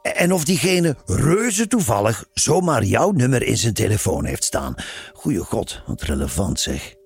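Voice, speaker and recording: A man's voice: low-pitched, lively intonation, slow, vocal fry, a little mellow, slightly rough, exaggerated voice. A man voicing a curious, cynical man questioning a nun. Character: curious, searching adult man.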